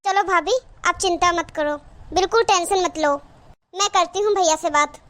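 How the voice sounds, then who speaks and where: A woman voicing a chatty young married sister in a cartoon, with a very high, bright voice. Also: moderate pace. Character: cheerful young married sister visiting her brother. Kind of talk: cartoon voice acting.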